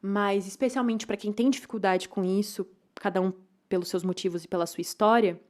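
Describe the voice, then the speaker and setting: A woman's voice: mid-range voice, fairly even intonation, fairly quick, a little mellow. Candid Brazilian woman musing aloud. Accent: Brazilian Portuguese. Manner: candid and confessional, with restarts and trailing asides. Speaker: podcast host. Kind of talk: personal reflective monologue.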